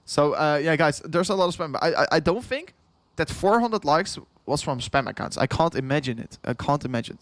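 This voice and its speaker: Fairly high-pitched and expressive, a young Dutchman with a Dutch accent talks briskly with few pauses and no room sound while hosting a long crypto livestream. Tired after hours on air, he chats casually, rambling and repeating himself, chuckling often and reading the chat aloud.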